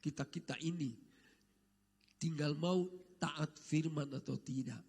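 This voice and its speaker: A man preaching a Sunday sermon in an emphatic, exhorting manner with a raspy voice, putting repeated questions to the congregation. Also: a little high, unhurried, darkish tone. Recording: echoey hall with long reverb.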